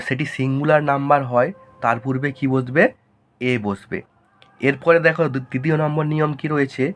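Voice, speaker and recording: A man teaching a grammar lesson, asking questions and answering them himself in a lower voice.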